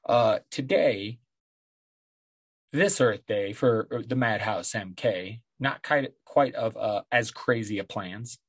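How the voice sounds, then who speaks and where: Male podcast host, middle-aged, smoker's rasp, loose sweary stoner chat, dry close recording. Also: on the low side, takes it slowly, dry recording. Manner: laid-back, sweary stoner talk. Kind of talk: casual rambling solo podcast talk.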